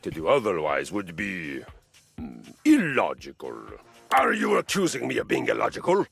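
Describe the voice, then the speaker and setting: An actor playing a boastful, towering male Viking warrior with a Swedish accent, booming and theatrical, eager for battle. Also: wildly swooping pitch, moderate pace, vocal fry, a bit bright, soft background music, exaggerated voice. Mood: bombastic. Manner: booming, theatrical, self-aggrandizing.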